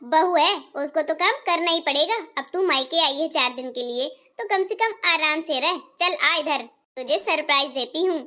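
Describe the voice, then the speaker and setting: Bossy, doting mother-in-law, commanding tone, high bright voice, a woman plays her. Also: normal speed, hardly any pauses. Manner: scolding, commanding. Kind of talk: family skit acting.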